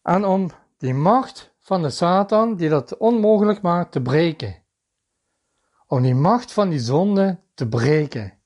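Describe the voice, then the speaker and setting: A man's voice: high voice, animated, slow, darkish tone. A man preaching a sermon in an earnest manner, reading scripture passages aloud and naming their verses.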